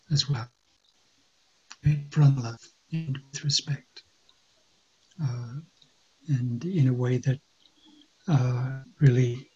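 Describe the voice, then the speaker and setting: A man acting as a mediator, calmly paraphrasing what each side says, with many pauses and fillers, on a dull lo-fi recording. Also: mid-range voice, husky. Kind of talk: guided mediation dialogue.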